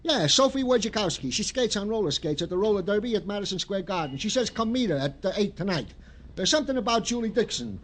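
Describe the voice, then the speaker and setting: An actor with an American accent playing an eager, bumbling police sergeant sidekick in a 1950s radio drama, fussy, wordy and stammering. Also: male voice, sits high, expressive, fast. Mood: flustered. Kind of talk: 1950s radio comic-relief acting.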